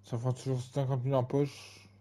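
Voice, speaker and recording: A man's voice: medium pitch, monotone, brisk, warm tone. A man in his twenties giving casual gameplay commentary, rambling and full of fillers and repeated tags. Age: 20s. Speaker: gaming channel host.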